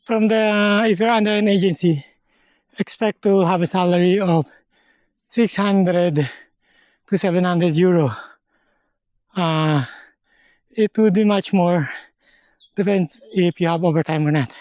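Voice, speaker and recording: Filipino guy vlogging his hike, slow halting talk, sometimes winded, dry mic. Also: high-pitched, fairly even intonation, a little mellow, dry recording. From Philippines. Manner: slow, halting, explains step by step. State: out of breath at times. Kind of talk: casual hiking vlog. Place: outdoors on a forest trail.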